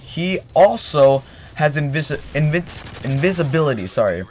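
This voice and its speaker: Faint gunfire from a game plays as a young male gaming host tells a relaxed story, rambling with fillers and self-corrections. His voice is fairly high and darkish, swinging widely in pitch at an unhurried pace. He's getting a cold and clears his throat, and there's a little hiss or hum on the recording.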